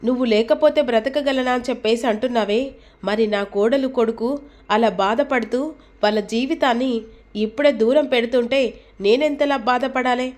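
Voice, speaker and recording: A woman's voice: on the high side, normal speed, darkish tone, close to an everyday voice. A woman reading the lines of a stubborn older man who is threatening to leave home, in an indignant, complaining tone.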